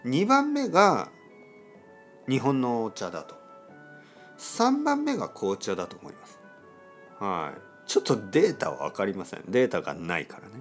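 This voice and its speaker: A man from Japan hosting a podcast for learners, explaining in simple words and repeating key terms with soft fillers. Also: medium pitch, huge pitch swings, normal speed, long pauses, soft background music. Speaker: podcast host teaching Japanese.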